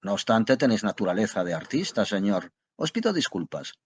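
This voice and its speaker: Pompous washed-up stage actor with a husky voice and big declamatory swings, a man doing the part. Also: fairly low pitch, sing-song, fairly quick, no echo. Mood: grandiloquent. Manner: florid, declamatory, playful. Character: theatrical, grandiose male French ex-actor.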